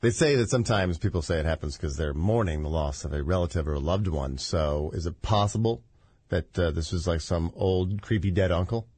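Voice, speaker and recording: A man's voice: deep voice, fairly quick, darkish tone, slightly rough, no room sound. A man hosting a radio talk show, joking and blunt with callers and guests. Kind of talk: casual radio chat.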